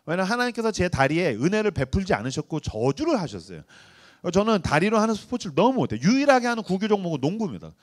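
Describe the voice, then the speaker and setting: A man's voice: high voice, fast talker. A male pastor preaching to a youth retreat, talking casually, joking and acting out little dialogues. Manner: animated, acts out dialogues, joking slang.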